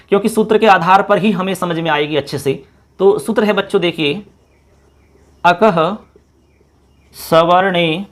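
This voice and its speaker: A male teacher with a fairly high voice works through examples at a board. He speaks patiently, stretches out key words and says them twice, and keeps asking the class whether they have understood. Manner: patient, repeats each example slowly, checks with the class. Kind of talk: classroom lecture.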